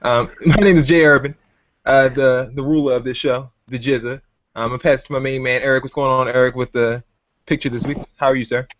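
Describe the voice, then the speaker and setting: A man's voice: mid-range voice, steady tone, fast, fairly bright tone, dry recording. Brash, teasing male podcast host. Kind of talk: casual sports talk. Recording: dull lo-fi recording.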